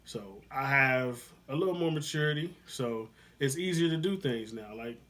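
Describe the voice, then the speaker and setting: A man's voice: mid-range voice, expressive, normal speed, a bit bright. A man of thirty from Ohio, talking in a laid-back, joking, slangy way in a casual couples Q&A vlog. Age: 30s. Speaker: vlogger.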